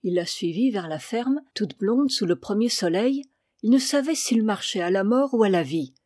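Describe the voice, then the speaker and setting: A woman narrating a literary audiobook in a measured, expressive reading voice. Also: mid-range voice, dry recording, clean studio sound. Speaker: audiobook reader.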